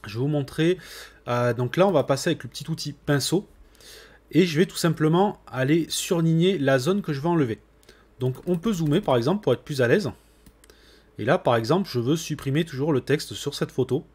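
Male tech tutorial host, husky and a touch high, easygoing walkthrough delivery. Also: a little fast. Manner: relaxed, chatty, with frequent "hop" and "voilà". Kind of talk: screen-recorded software tutorial.

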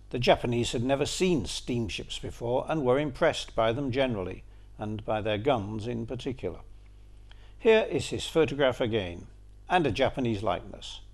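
An older man with a mid-range, slightly mellow voice gives an illustrated lecture, dropping in dry, wry asides. He appears briefly on camera before continuing as voice-over.

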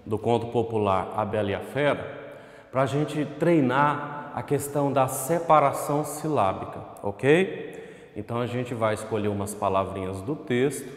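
A man's voice: mid-range voice, normal speed. A male primary school teacher with a Brazilian accent gives an online lesson at a whiteboard. He speaks patiently to the pupil at home, draws out words for dictation and checks in with "ok?". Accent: Brazilian Portuguese. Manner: addresses the pupil at home, asks "ok?". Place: classroom with a whiteboard. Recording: echoey room with long reverb.

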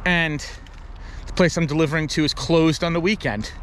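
A middle-aged truck driver talks to a camera held at arm's length in a loose, rambling way, with plenty of fillers. His voice sits a little high for a man. A faint hum of traffic and vehicles runs underneath. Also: fairly even intonation, moderate pace, fairly bright tone. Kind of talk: casual vlog talk to camera. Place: outdoors at a truck stop lot, later inside a truck cab. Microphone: handheld camera at arm's length.

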